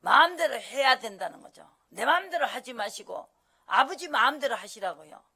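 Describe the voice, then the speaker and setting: A woman pastor delivers a sermon in a forceful, sharp-edged voice with a gravelly texture. She preaches emphatically, asking her listeners question after question. Her loudness swings between strong bursts and quieter asides. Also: on the high side, expressive, normal speed. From Gyeongsang region of Korea.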